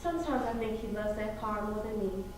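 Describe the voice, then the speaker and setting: A woman's voice: mid-range voice, brisk, darkish tone, close to an everyday voice. A woman acting a plainspoken, wistful small-town wife in a stage play. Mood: weary, dismissive. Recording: echoey room, far microphone, faint noise.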